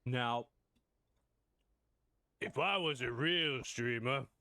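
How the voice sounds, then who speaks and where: A man's voice: mid-range voice, drawn-out words, bright, forceful tone, no room sound. A man chatting casually to himself as he plays a video game on stream, with mumbled asides. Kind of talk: casual gameplay commentary.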